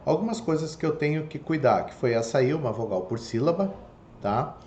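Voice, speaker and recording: Speaking in a fairly high, expressive and slightly mellow voice at a somewhat fast pace, this man gives an online Portuguese lecture, working through points step by step and repeatedly asking "tá?" and "ok?" to make sure he's understood. The audio is dull, with room echo and faint background noise.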